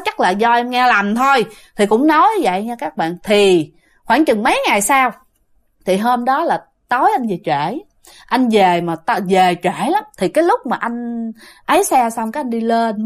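A woman narrating a ghost story in a chatty way, speaking straight to her listeners. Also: on the high side. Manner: chatty, talks to listeners directly.

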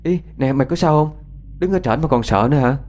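A man voicing a lively young village girl who teases and scolds her friend. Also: mid-range voice, voice pushed up, natural voice. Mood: teasing. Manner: teasing, quick, scolding.

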